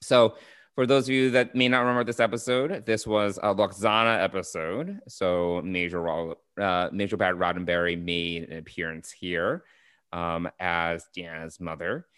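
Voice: low voice, steady tone, moderate pace, a bit bright, clear, resonant tone. A podcast co-host guiding a casual chat, attentive and encouraging toward the other host.

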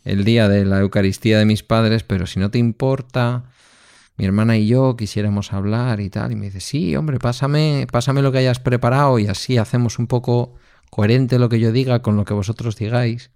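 A man's voice: mid-range voice, steady tone, normal speed, darkish tone, clean tone, dry recording, studio quality. A man the there, telling personal stories in a reflective way as a podcast co-host. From Basque Country, Spain. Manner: reflective anecdotal storyteller. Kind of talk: casual conversation.

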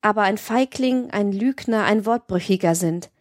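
A woman's voice: mid-range voice, moderate pace, no room sound, lightly acted. Haughty, commanding mistress, stern and contemptuous, storybook reading, dry close sound, a woman voicing her. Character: cold, imperious woman, commanding her lover. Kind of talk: audiobook reading of a classic novel.

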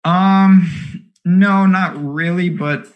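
A man co-hosting a fantasy basketball strategy show, talking casually in quick, animated bursts with lots of fillers. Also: high voice, muffled recording. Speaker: co-host of a fantasy sports show. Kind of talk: casual analytical chat.

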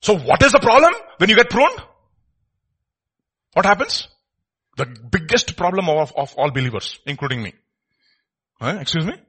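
Indian guy preaching, high pitched husky voice, keeps repeating little phrases and asking questions. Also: sing-song, normal speed, long pauses, fairly bright tone. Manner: repeats short phrases and asks rhetorical questions. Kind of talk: informal expository sermon with questions to listeners.

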